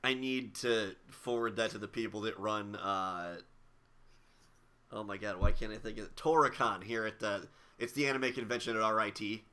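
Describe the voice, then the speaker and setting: A young man co-hosting a podcast in casual chat, halting and repeating words while he searches for names. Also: lowish voice, pushed and bright. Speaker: podcast co-host.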